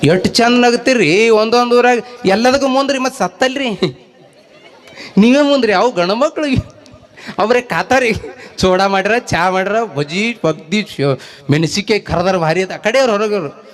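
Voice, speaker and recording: A man with a North Karnataka Kannada accent doing folk stand-up comedy, telling lively rhyming anecdotes to his audience. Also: high-pitched, moderate pace, a faint crowd. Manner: lively storytelling, rhyming wordplay, jumps into quoted voices; talks straight to a laughing audience. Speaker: stage comedian.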